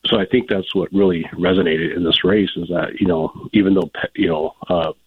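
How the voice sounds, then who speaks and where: American male guest, phone-quality sound, deep register, halting, rambling, casual political discussion. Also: fairly even intonation, slightly rough, no room sound. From South Dakota, United States. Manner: halting, rambling, repeats words. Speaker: political guest on a radio call-in show. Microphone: phone line. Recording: muffled phone-like line.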